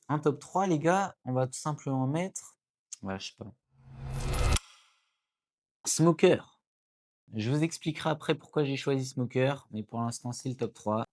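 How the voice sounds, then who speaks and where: A man doing casual, chatty commentary while opening card packs, addressing his viewers constantly and breaking into sudden excited exclamations and jokes. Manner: bursts into high exclamations and jokey asides.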